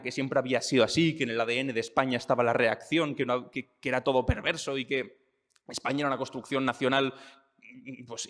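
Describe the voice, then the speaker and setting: A young man from Spain talking casually and thinking aloud, with fillers and restarts, slowing down to stress his points. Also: medium pitch, fairly bright tone, long reverb tail. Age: young adult. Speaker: speaker on politics and identity. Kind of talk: casual talk.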